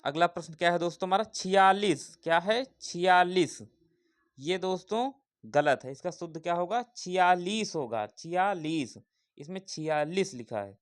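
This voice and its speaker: A man's voice: sits high, animated, normal speed. A man teaching an exam-prep spelling lesson, repeating each word and asking viewers questions.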